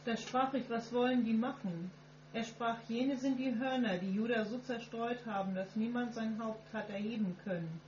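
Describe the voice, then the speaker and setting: A woman in the congregation reading a Bible passage aloud in a formal, measured manner. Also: a little high, a little mellow, a little hiss or hum. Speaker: congregation member reading scripture. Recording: echoey, muffled distant hall recording.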